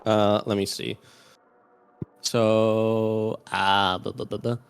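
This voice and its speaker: A man narrating a tabletop horror game as game master, in a halting, casual way. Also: lowish voice, flat delivery, creaky, faint music behind.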